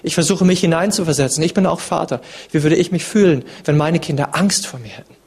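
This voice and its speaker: A man preaching a sermon in an earnest, dramatic way, swinging between emphatic lines and hushed ones. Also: on the high side, fast, slightly rough.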